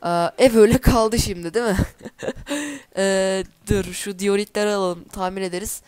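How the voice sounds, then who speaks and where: Smooth-voiced woman chatting over gameplay. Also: medium pitch, fairly even intonation, normal speed, darkish tone, dry recording. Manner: chatty, easily exasperated, talks to herself while playing. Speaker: gameplay commentator. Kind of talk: casual let's-play commentary.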